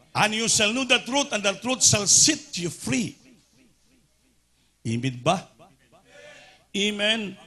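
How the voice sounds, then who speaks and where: A man from the Philippines preaching a sermon at an overnight prayer meeting, mixing Tagalog and English, calling out for responses from the congregation and shouting at the peaks. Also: fairly high pitch. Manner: fervent call-and-response with the congregation.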